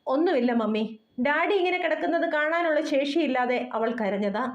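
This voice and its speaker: A woman voicing a composed, practical young man who speaks briskly and reassuringly, in a roomy, dull recording. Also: high-pitched, lively intonation.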